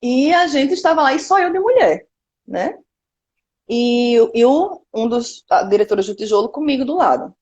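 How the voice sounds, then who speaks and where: Northeastern brazilian woman, 30s, kinda high voice, chatty and blunt interview talk. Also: normal speed, highs cut off. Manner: lively and frank, frequent "né" tags. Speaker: cultural producer, guest. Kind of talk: casual interview storytelling.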